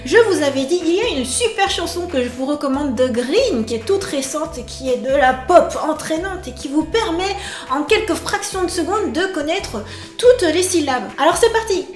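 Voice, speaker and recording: A woman's voice: sits high, animated, normal speed. A woman giving an upbeat video lesson as an online language teacher, bubbly and enthusiastic, with cheerful exclamations. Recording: echoey room with faint music.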